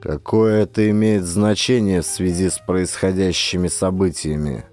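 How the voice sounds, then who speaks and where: A man doing a brash, gruff young joker. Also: low-pitched, fairly even intonation, moderate pace, darkish tone, faint music behind, voice pushed down, close to an everyday voice. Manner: gruff, mocking, bossy. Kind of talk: audiobook character voice.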